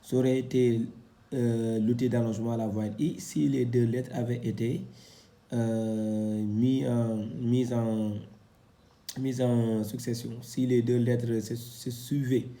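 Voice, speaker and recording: Male teacher, dark mellow voice, drawn-out syllable-by-syllable reading lesson. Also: medium pitch, level tone. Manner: sounds out syllables one by one, explains with pauses.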